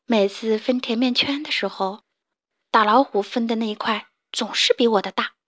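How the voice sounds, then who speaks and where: A woman storyteller reading a children's story aloud in a gentle, expressive, slow and clear manner. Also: on the high side.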